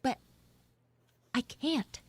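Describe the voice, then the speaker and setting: Playing a flustered tomboy tsundere schoolgirl on her livestream, this VTuber improvises in-character chat full of dramatic, whiny exasperation. She draws out her words, and there's no echo on the audio.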